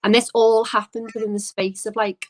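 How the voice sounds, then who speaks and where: A woman's voice: a little high, level tone, normal speed. A woman interview guest explaining her views and experiences in a casual, reflective, conversational way. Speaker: interview guest, small business owner.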